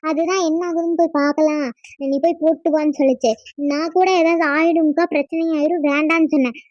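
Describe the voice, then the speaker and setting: A woman voicing a defensive young village girl in a cartoon, retelling events in a rapid, blame-shifting way. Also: high-pitched, level tone, a little mellow, no room sound, muffled recording, natural voice. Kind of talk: cartoon voice acting.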